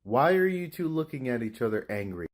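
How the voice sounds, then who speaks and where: A man voicing a comedy cartoon with brash, sweary, quick-fire banter. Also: medium pitch, big pitch swings. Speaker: animator voicing his own comedy cartoon.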